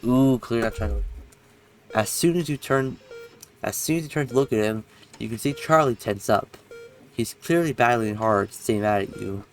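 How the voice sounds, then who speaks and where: A man's voice: medium pitch, moderate pace, soft background music. A young man playing a story game, reading its text aloud and breaking off into rambling, self-correcting commentary. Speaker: game streamer.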